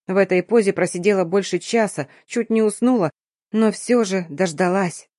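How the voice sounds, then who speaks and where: Woman narrator, first-person audiobook, measured, dry close-miked. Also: mid-range voice, warm tone, dry recording.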